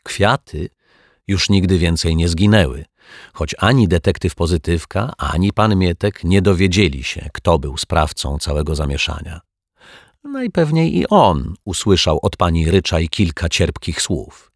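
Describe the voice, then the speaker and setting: A man narrating a children's story in an expressive, unhurried manner. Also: sits low, no echo, studio quality.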